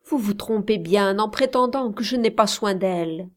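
A woman's voice: mid-range voice, normal speed, close to an everyday voice. A woman reading as a brooding old grandfather. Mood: earnest. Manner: pensive, murmuring.

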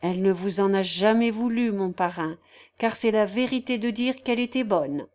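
A woman's voice: mid-range voice, moderate pace, a little mellow, close to an everyday voice. A woman reading a novel aloud voices a simple, devout young peasant girl with artless, rustic phrasing. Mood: earnest. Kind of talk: audiobook character voice.

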